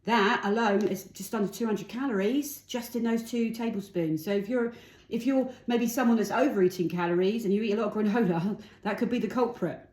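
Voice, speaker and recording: A woman's voice: mid-range voice, a little fast, a little mellow. A woman with a Cockney accent chatting casually and informally as she explains and demonstrates food for a vlog. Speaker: vlogger. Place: indoors at home. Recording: echoey room with light noise, clicks.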